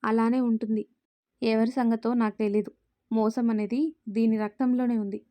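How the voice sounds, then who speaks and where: A woman's voice: on the high side, flat delivery, normal speed, warm tone, natural voice. A woman voicing a stern elderly grandmother who speaks harshly and with scorn in a spoken storybook. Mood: scornful. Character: stern elderly grandmother, head of a wealthy family.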